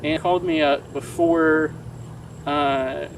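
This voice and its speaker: A man's voice: fairly high pitch, fairly even intonation, takes it slowly. A young American man casually telling an anecdote, swearing freely and animatedly acting out quoted dialogue. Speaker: vlogger telling a story. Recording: distant mic, clear outdoor traffic noise.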